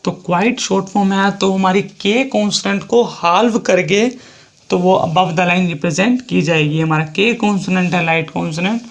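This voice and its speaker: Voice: medium pitch, normal speed. A shorthand teacher with an Indian accent explaining a lesson step by step, repeating each example and spelling words out letter by letter.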